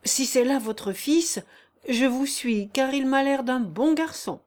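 A woman voicing a brusque, cheerful male peasant worker who talks bluntly and loudly. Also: high-pitched, slow pace, voice pushed up. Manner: hearty, blunt, loud.

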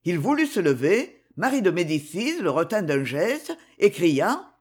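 Narrator reading a historical novel, dramatic, lively pitch, a bit husky. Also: a little slow. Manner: dramatic, expressive storytelling.

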